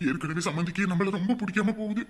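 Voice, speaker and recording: An older man acting a calm, resigned father-in-law who soothes his wife in a family drama. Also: high voice, fast. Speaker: actor.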